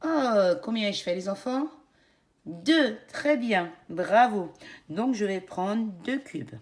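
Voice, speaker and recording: Animated woman, slow-paced kids show host. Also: medium pitch. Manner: kids show host, encouraging, singsong and didactic. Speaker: teacher presenting a children's counting game. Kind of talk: educational demonstration addressed to young children.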